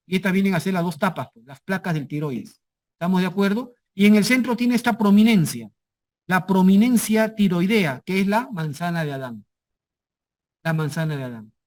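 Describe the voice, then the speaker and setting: High-voiced man giving a lecture. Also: darkish tone. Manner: checks understanding often with repeated questions; repeats key terms for emphasis. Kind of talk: classroom lecture.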